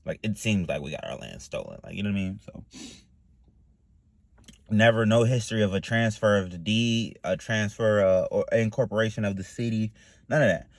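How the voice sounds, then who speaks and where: A vlogger from Dayton, Ohio, in the US talks to camera in a casual, meandering monologue packed with fillers and "you know what I mean." His voice is fairly low and his pace moderate, with no echo on the recording.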